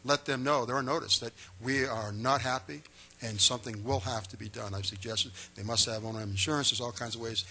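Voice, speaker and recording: A man with a bright, forceful voice addresses a town board from a meeting-room table microphone. He speaks emphatically and reassuringly, with formal courtesy. His delivery sounds like an official giving public testimony. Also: mid-range voice, fairly even intonation, brisk, hardly any pauses, a little hiss or hum.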